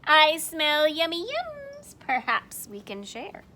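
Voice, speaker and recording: A woman's voice: sits high, huge pitch swings, takes it slowly, bright, forceful tone, full character voice. A woman voicing a cheerful, generous storybook badger in an eager, friendly manner.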